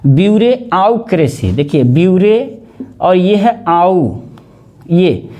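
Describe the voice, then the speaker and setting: A man with a Hindi accent teaching English spelling, slowly repeating each word and spelling it out letter by letter. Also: high-pitched, big pitch swings, warm tone, dull audio. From India. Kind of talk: spelling lesson, explaining word by word.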